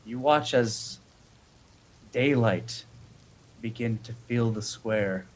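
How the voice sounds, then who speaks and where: Slow, dramatic game master man. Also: mid-range voice, slight background noise, low-quality recording. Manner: slow, dramatic narration, easily moved to emotion. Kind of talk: narrating a tabletop game.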